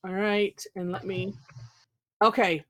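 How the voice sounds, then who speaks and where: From her home in Michigan, a woman hosts an online drawing class over a video call, chatty, a little scattered, and prone to frequent exclamations. Her mid-range voice is delivered flatly and slowly, and the audio quality is poor.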